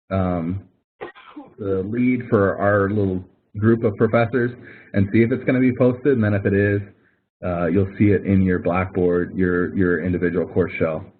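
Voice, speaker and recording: A fairly low, slightly rough voice belongs to a college professor tutoring someone informally online. He explains methodically, step after step, and repeats himself for emphasis, all picked up by an online call microphone with thin, phone-like conference audio.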